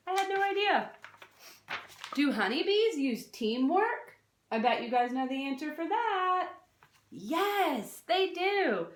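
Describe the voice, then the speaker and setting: Reading a non-fiction book to children like a teacher, this high-voiced woman swoops widely in pitch, asks questions, and stresses and stretches out important words while slipping in explanations. The sound echoes noticeably, as though in a bare room.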